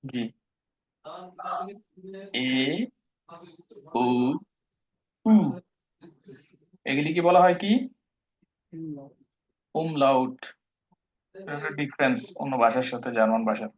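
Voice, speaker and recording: A man's voice: mid-range voice, expressive, moderate pace, pauses often. A man teaching a live online language class, patiently explaining pronunciation step by step and mixing in English words. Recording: dull lo-fi online call audio.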